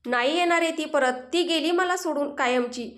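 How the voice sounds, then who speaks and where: A woman's voice: high voice, normal speed, a bit bright. A woman voicing a fragile, grieving young woman who pleads through tears and stammers over her words in a story reading. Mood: tearful pleading. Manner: tearful, pleading, stammering repeats. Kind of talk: Marathi audio story dialogue.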